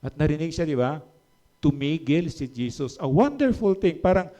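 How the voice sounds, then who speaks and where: A man preaching a sermon, switching between quiet storytelling and loud, high-pitched emphasis. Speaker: pastor.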